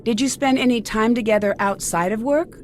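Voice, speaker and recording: A woman's voice: a little high, normal speed, soft background music, lightly acted. A woman playing a curious, polite young female detective in a video game, with an inquisitive way of talking.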